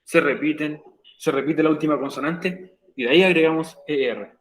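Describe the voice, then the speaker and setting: A man's voice: on the high side, moderate pace, fairly bright tone, roomy sound, poor audio. A man teaching an English grammar rule in a virtual class, patiently repeating each step for his students. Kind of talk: virtual class explanation in Spanish. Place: room, recorded for an online class.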